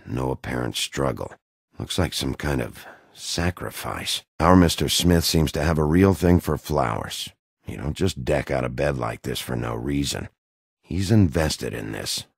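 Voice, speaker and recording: An actor playing a gruff, brooding wolf detective in a video game, with a gravelly, husky low voice and a terse, dry delivery. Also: male voice, no room sound, exaggerated voice. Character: gruff, brooding big bad wolf detective, adult man, dogged. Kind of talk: video game dialogue acting.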